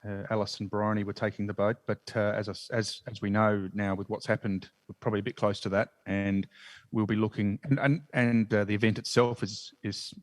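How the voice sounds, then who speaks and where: A man chats casually on a podcast. His voice sits a little low, and the sound is dry with no room around it. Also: fairly even intonation, a little fast, no echo. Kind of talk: casual chat.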